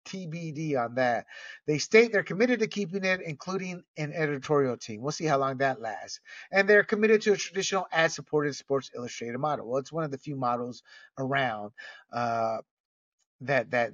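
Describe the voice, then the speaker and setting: A man's voice: on the high side, fairly bright tone. A man from Panama hosting a casual monologue, blunt and ranting, with frequent filler words and the odd swear. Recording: dull lo-fi audio, distant from mic.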